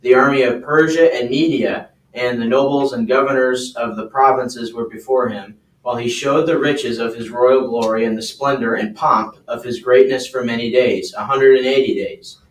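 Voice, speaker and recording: A man helping with a Bible class, reading scripture aloud in a steady, measured way and adding small asides. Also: medium pitch, distant mic. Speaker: class helper and scripture reader. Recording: roomy sound, away from the mic.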